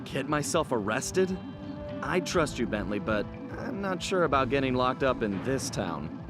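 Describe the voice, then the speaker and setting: A man's voice: mid-range voice, big pitch swings, measured pace. An actor playing a cool, wisecracking male raccoon thief in a game cutscene, talking wryly. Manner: wry, wisecracking. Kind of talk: video game cutscene acting. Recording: game music underneath.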